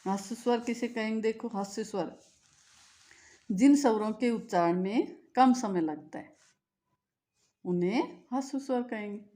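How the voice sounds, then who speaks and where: A woman's voice: on the high side, measured pace, long pauses, mellow. A woman teaching a grammar lesson, repeating each point and asking questions she answers herself. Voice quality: patient, asks a question then answers it herself. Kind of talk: classroom-style lesson with repetition and questions.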